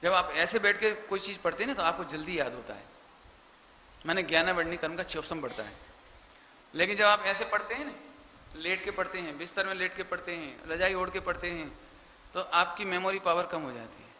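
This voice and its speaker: A man giving a religious sermon, animated and emphatic, speaking directly to his listeners. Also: sits high, brisk. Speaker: Jain preacher. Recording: echoey hall with faint noise.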